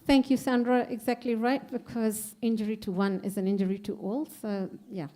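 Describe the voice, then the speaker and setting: A woman's voice: on the high side, fairly even intonation, normal speed, dark tone. A woman hosts an event informally, introducing speakers in a polite, somewhat hesitant way.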